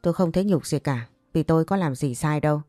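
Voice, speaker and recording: A woman voicing a composed young wife with a sharp tongue who cuts her rival down, in a narrated story. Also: sits low, fast talker, no echo, studio quality, soft background music, natural voice. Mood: cool. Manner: cool and cutting.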